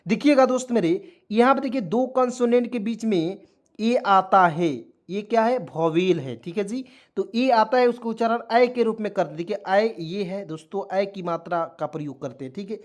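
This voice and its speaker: A man's voice: high voice, normal speed. A man teaching English phonics in Hindi, coaxing viewers to watch closely and spelling words out letter by letter. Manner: repetitive, coaxing, keeps saying "dekhiyega dosto".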